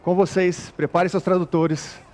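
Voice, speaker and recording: A man's voice: high-pitched, flat delivery, normal speed, darkish tone. A man hosting a business presentation in an emphatic, presenter-like way. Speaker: host. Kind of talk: stage presentation.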